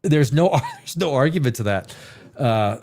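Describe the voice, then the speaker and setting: A livestream host from Canada rambles about films in a casual, opinionated way, emphatically repeating phrases. His mid-range voice is animated and unhurried, with a darkish tone.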